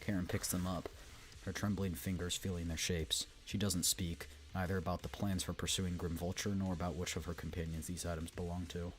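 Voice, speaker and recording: A man's voice: deep voice, little pitch movement, a little fast, rough recording. A man reading video game narration aloud as a streamer. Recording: background noise.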